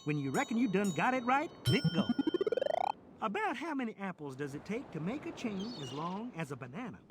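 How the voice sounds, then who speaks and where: A man's voice: high-pitched, very animated, a little fast, very noisy. A man playing a chatty, cheerful country grocer in an educational game. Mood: puzzled, friendly. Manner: folksy drawling country talk. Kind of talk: scripted educational game character acting.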